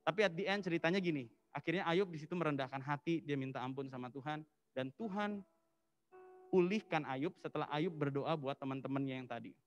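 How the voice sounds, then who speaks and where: A male pastor giving a casual, lively sermon, telling the story in slang and mixing in English phrases. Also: on the high side, a little fast, faint music behind. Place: church service.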